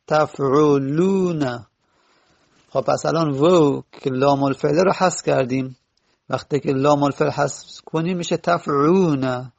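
A man teaching a grammar lesson, repeating word forms slowly and correcting himself as he goes. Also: mid-range voice, creaky, a little mellow, dull audio.

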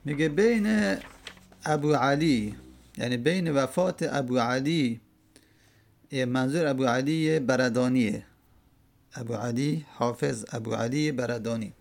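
A man's voice: medium pitch, vocal fry, long pauses. A man giving a religious lecture, explaining a quoted Arabic verse word by word and repeating key terms. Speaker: religious teacher. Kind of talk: classroom lecture explaining a hadith text.

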